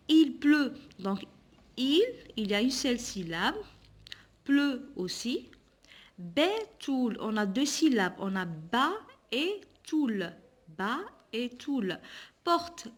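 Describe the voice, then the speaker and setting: Slow, patient teacher woman. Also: medium pitch. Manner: slow and patient, sounding out syllables. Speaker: primary school teacher. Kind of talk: reading lesson for young children.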